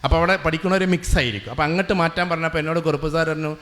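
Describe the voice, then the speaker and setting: A fairly high-voiced man, addressing students and teachers at a school gathering. He tells his stories in a motivational speech and draws out key words slowly for effect. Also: fairly bright tone. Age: 40s. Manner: slows down and stretches words for emphasis. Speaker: guest speaker at a school.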